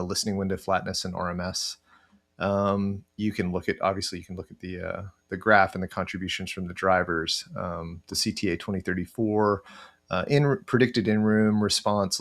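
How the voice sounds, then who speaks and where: A low-voiced, middle-aged tutorial presenter with lots of gravelly fry narrates a software walkthrough on a screen share. His delivery is informal and halting, his pitch mostly flat, as he voices his thoughts. The clip is a webcam screen recording captured indoors.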